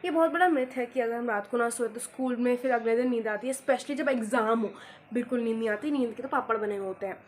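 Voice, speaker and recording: A woman's voice: fairly high pitch, fast talker, a little hiss or hum. A teenage girl chatting casually in a student vlog, self-mocking and switching between Hindi and English as she walks outside and later talks at home. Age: teens. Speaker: student vlogger. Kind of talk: casual Hinglish vlog chat. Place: outdoors on a morning walk, later at home.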